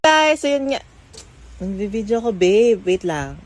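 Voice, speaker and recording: A woman's voice: mid-range voice, sing-song, measured pace, music in the background. A woman rambling casually to her viewers in a vlog. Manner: rambling, chatty.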